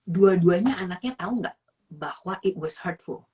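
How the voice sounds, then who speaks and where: A woman's voice: on the low side, expressive, moderate pace, a little mellow, husky. A woman with an Indonesian accent giving casual parenting advice as a psychologist, mixing English phrases in and acting out parent and child lines.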